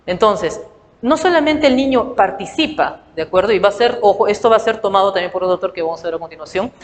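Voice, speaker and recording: A woman's voice: mid-range voice, animated, quick pace. A woman teacher lecturing on psychology. She speaks with a Peruvian Spanish accent and explains through rhetorical questions and acted everyday examples. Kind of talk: recorded lecture. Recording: reverberant room with faint noise.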